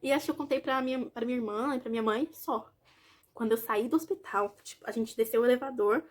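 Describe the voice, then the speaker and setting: A woman's voice: on the high side, fast talker. A young woman from Brazil, a vlogger telling a personal story in a chatty way, talking straight to her viewers. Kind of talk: casual personal story to camera.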